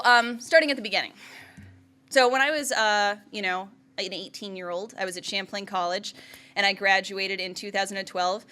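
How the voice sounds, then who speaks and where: Her mid-range voice sounds pushed and bright as this Vermont entrepreneur in her thirties presents. She talks casually, leaning on "like" and "right?" and laughing frequently.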